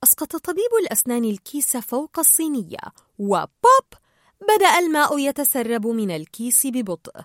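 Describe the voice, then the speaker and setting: Lively woman reading a storybook aloud. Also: high-pitched, fast, no echo, clean studio sound. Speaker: narrator. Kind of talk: storybook read-aloud narration.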